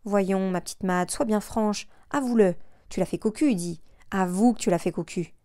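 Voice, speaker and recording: A woman's voice: mid-range voice, normal speed, warm tone, no echo, clean studio sound, close to an everyday voice. A woman voicing a jealous young husband who needles his wife with insistent questions. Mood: needling, insistent.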